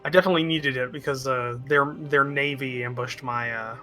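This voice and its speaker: A man's voice: mid-range voice, fairly even intonation, fairly quick, pushed and bright, faint music behind. A tired man playing a multiplayer strategy game over a headset mic, trailing off and fumbling for his words. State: tired from lack of sleep. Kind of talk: casual voice-chat banter.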